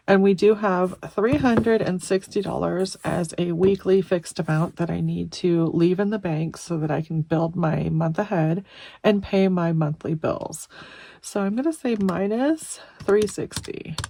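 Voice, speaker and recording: Tired and congested, a woman in her thirties talks through her weekly budget for her vlog, drifting off on small tangents as she goes. She has a warm, lowish voice, captured in a dry recording.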